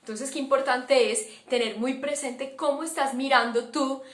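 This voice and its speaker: A woman's voice: high-pitched, fairly even intonation, unhurried. Woman coaching in a roomy echo. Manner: warm, coaching tone with rhetorical questions and frequent "¿vale?". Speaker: psychologist giving a talk to parents and caregivers. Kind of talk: informal lecture.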